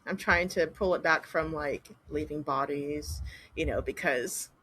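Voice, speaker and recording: A woman's voice: sits low, unhurried, fairly bright tone, breathy edge, rough recording. A woman in a casual group conversation, speaking in a wry, thoughtful way. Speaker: medium in group session.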